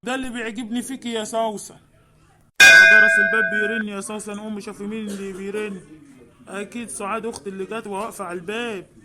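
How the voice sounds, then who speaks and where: A woman's voice: mid-range voice, steady tone, fast, heavy background noise, pitched below the performer's own voice, close to an everyday voice. A woman voicing a grown husband who keeps the peace, soothing and reasoning with an Egyptian accent. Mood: coaxing. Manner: soothing, reasoning, calls people darling. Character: husband Hussein, grown man, placating peacemaker.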